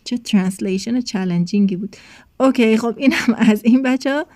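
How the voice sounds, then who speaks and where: A woman English teacher talks students through a textbook lesson, pausing often on filler sounds as she switches languages. Her voice is soft and mellow. The sound is close and dry, with no room around it. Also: on the high side, no echo.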